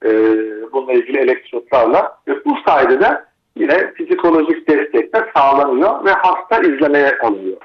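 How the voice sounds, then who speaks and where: A male doctor calling in to a radio interview, explaining a treatment in a measured way with frequent hesitations. His voice comes through echoey over the phone. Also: medium pitch, very animated. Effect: echoey voice over the phone line. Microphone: phone with earphones. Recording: muffled, echoey phone line.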